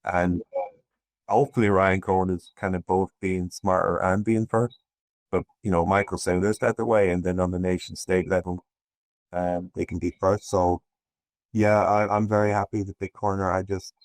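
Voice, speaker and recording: A man's voice: low-pitched, level tone, moderate pace, dry recording. A man from Ireland, a podcast guest talking in a meandering, hesitant way with many restarts. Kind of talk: casual conversation.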